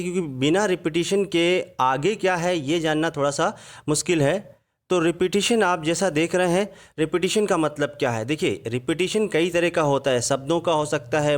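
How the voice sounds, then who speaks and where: Man teaching a slow Hindi grammar lesson. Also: a little high. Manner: explains in Hindi, reads English examples out slowly. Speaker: English teacher. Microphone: voice-over on slides.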